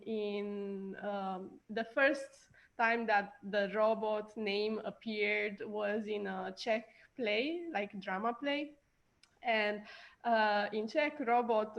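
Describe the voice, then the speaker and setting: A woman from Romania talks through her answers as an interview guest, pausing often on "um" and "like". Her voice sits at a middle pitch. The recording sounds dull and lo-fi. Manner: hesitant, many fillers and "like". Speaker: robotics professor, guest.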